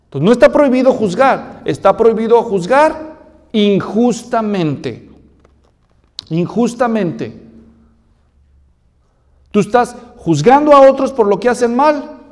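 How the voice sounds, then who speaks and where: High-voiced pastor preaching. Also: male voice, expressive, takes it slowly, pauses often, in a large hall. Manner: storytelling, rhetorical questions. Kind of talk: sermon.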